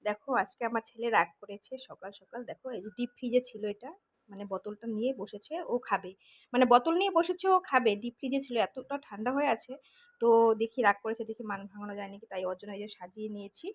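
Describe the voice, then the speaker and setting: A woman's voice: medium pitch, quick pace, rough recording. A woman talking through a casual home vlog, coaxing and fussing over a sulking child in a cooing, doting way. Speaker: vlogger.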